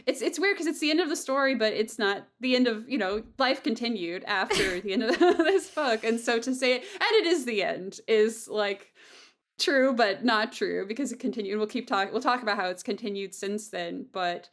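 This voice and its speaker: An audio drama creator hosts a podcast conversation in a slightly high, expressive voice at a moderate pace. She's casual, hesitant and rambling, with a giggly streak.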